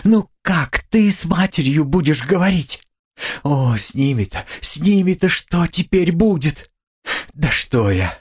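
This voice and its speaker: A man's voice: lively intonation, unhurried, breathy edge. A man doing a fervent pleading young woman. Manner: high, trembling, urgent pleading. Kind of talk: audiobook character reading.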